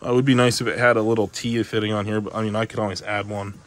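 In a cluttered indoor garage workshop, a channel host casually reviews his air compressor off the cuff, filming first-person on a handheld phone. His voice is on the low side and a bit bright, very fast with little pitch movement, full of fillers and blunt, profane asides.

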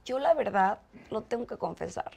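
A woman with a Mexican accent, guesting in an interview, shares a personal story in a medium-pitched, slightly rough voice with vocal fry, at a moderate pace. She's animated and acts out the quoted dialogue in conversational storytelling.

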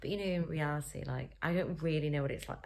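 A woman's voice: sits low, fast talker, vocal fry, a little mellow. A young woman chatting to camera in her vlog, rambling with lots of fillers and side notes. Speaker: vlogger.

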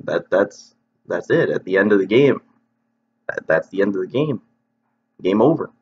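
A man talking earnestly to viewers from home in a halting, reflective vlog monologue, often restarting his sentences. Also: lowish voice, animated, a little mellow, a little hiss or hum. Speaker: video creator. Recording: dull lo-fi recording.

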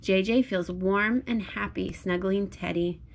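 A gravelly, medium-pitched woman's voice keeps a measured pace as she reads a picture book to a small child at home on a blanket. Her delivery is sing-song and encouraging, built on simple repeated phrases, though the audio sounds dull.

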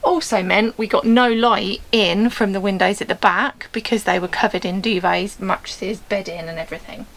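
A woman's voice: medium pitch, steady tone, moderate pace, hardly any pauses, a bit bright, low-quality recording. A woman in her forties with an English accent, chatting casually and laughing at herself while working on a van. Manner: chatty and self-mocking, laughs often. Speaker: vlogger, van converter. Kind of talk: casual vlog chat. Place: inside a van on a driveway and outdoors beside a house.

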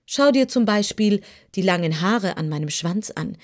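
A woman's voice: mid-range voice, lively intonation, moderate pace, lightly acted. A woman voicing a proud, boastful male cab horse who lectures in a pompous way, in a storybook reading.

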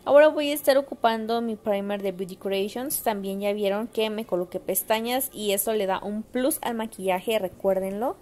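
A woman's voice: medium pitch, normal speed, few pauses, a little mellow. A young woman narrating her makeup tutorial to viewers in a chatty way, with lots of filler sounds. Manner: chatty, addresses viewers as girls, many fillers. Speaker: makeup vlogger.

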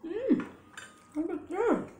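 A woman hosting a mukbang eating show, chatting casually with slow words and contented hums between bites, at home. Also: extremely high pitch. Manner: slow, relaxed, murmurs and hums while eating. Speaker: mukbang host. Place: home, indoors. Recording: echoey room with faint hum.

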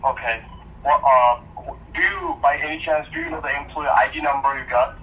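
A man's voice: mid-range voice, huge pitch swings, moderate pace, creaky, bright, forceful tone. A man working at a restaurant, answering a call in an informal, slightly hesitant way over the phone. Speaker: fast-food restaurant employee. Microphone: telephone. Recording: tinny phone line with faint noise.

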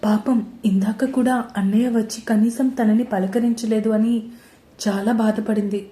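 A woman's voice: on the high side, steady tone, a little slow, warm tone, lightly acted. A woman voicing a loyal, concerned young woman friend who explains earnestly, in a roomy-sounding recording. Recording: roomy echo.

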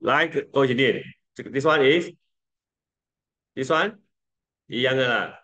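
A man's voice: medium pitch, normal speed, bright, forceful tone, lo-fi sound. A man teaching an English lesson in a playful way, switching between languages and repeating words for learners to copy.

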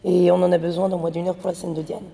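A woman's voice: on the low side, flat delivery, fast, gravelly, mellow, breathy edge, big-room sound. A woman playing a worried assistant director on a film set. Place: large warehouse film set.

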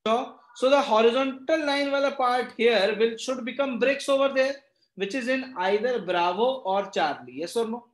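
A man's voice: extremely high pitch, normal speed. A man with a North Indian accent teaching an interactive lesson, mixing Hindi phrases into English and often checking that students follow. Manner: repeatedly checks understanding with short questions. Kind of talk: interactive online reasoning lesson. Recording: roomy echo on the voice.

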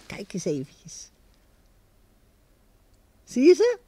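A woman reads a picture book to young children in a high, sing-song voice, stopping to ask them questions. Her pitch rises and falls a lot as she tells the story. The recording is close and dry. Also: drawn-out words, slightly rough, no echo. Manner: expressive, addresses the children directly.

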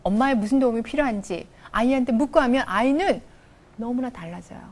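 Animated woman giving a coaching lecture. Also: fairly high pitch, fairly quick. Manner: animated, acts out little dialogues in changing voices. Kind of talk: televised lecture. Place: studio with a live audience.

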